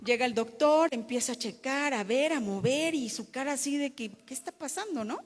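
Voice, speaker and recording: A fairly high-voiced woman tells her testimony to a church congregation. She speaks emotionally, repeating and restarting words as she goes. Her voice carries a long reverb, like a church hall. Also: normal speed. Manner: emotional storytelling with repetitions and restarts. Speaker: pastor's wife giving testimony.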